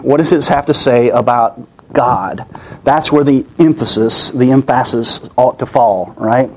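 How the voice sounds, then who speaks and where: A man's voice: medium pitch, measured pace, slight background noise. A man preaching a sermon in an earnest way, often repeating and restarting his words, his voice weak and worn.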